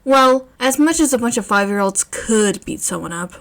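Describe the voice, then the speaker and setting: A woman narrating a fanfiction story in an expressive, measured reading. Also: a little high.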